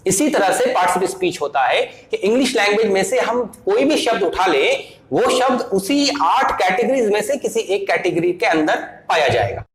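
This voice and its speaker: A man's voice: high voice, very animated, normal speed, reverberant, poor audio. A male English teacher, explaining grammar step by step and repeating the key points. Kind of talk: grammar lesson.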